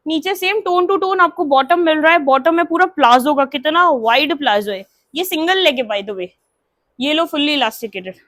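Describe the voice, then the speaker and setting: A woman's voice: sits high, fairly bright tone, dry recording. A woman showing and selling women's suits in a chatty sales talk, mixing English words into her speech. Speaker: clothing seller. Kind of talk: product showcase sales talk.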